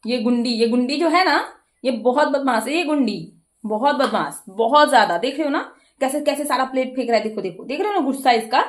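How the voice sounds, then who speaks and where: A woman's voice: sits high, expressive, fairly quick. A woman chatting casually to her viewers in a daily vlog, calling them guys, from a rooftop in the rain. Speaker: vlogger.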